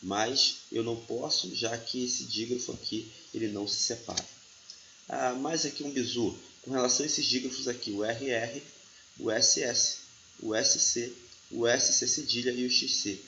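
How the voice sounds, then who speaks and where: A man teaches a grammar lesson step by step in a didactic manner, often checking in with the listener with "tá bom?". His medium-pitched voice is bright and forceful, with fairly even intonation at normal speed. The echoey room makes the audio slightly dull, with slight background noise.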